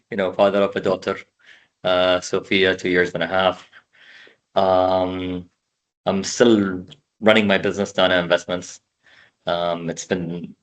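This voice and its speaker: A man in his thirties from the Emirates, with a very low voice yet a fairly bright tone, chats casually as a podcast guest over a video call. He speaks haltingly, pausing and repeating words as he thinks aloud.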